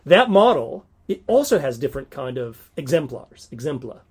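A man's voice: medium pitch, big pitch swings, normal speed, darkish tone, husky. A man who teaches at a university, talking casually about course lectures, thinking aloud with many restarts and stumbles.

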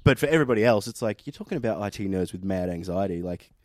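Low-voiced, blokey Australian man. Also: animated, rapid-fire, a little mellow, no room sound, studio quality. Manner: blokey, sweary storytelling. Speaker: podcast host. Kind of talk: casual comedic chat.

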